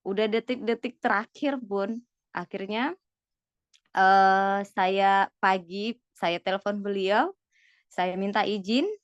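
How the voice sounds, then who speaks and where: A woman's voice: mid-range voice, takes it slowly, pauses often, clean tone, no echo. Earnest woman telling her story, dry dull sound. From Medan, North Sumatra, Indonesia. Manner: earnest storytelling with many fillers and restarts. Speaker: guest, certified trainer. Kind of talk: personal testimony in casual chat.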